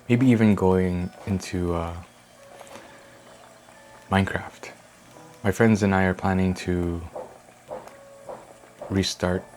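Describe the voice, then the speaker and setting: A young man chatting softly and casually for an ASMR video at home, rambling and thinking aloud. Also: low voice, a little hiss or hum. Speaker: ASMR creator. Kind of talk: soft casual ASMR chat. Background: construction and room ambience.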